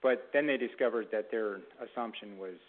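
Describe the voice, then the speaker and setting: Guy giving a sermon at church, kinda halting, clears his throat a lot, tinny phone-like audio. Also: on the low side, slight background noise. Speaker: preacher. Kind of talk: sermon with a read-aloud story.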